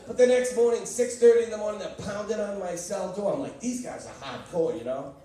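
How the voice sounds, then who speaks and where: On a comedy club stage, a man from Boston speaks in a high, warm voice and a brisk rhythm, his Boston accent coloring brash, punchy stories and banter with the crowd. Laughter and chatter fill the echoey, far-off recording.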